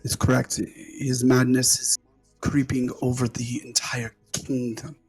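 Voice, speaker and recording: A man voicing a formal, courteous female scientist who is trapped in her laboratory and speaks in halting phrases. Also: medium pitch, level tone, a little mellow, husky, soft background music, poor audio. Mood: earnest.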